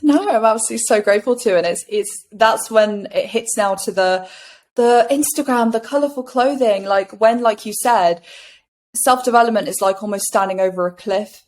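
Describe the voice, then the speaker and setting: A woman coach in a casual interview, bubbly and animated, with a casual swear now and then. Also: mid-range voice, normal speed. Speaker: guest coach.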